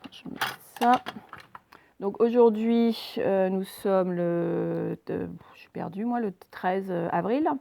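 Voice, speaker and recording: A woman teacher giving a recorded phonics lesson for young children, saying words slowly and over-articulating them, with repetitions and fillers. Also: medium pitch, gravelly, dark tone. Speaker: primary school teacher.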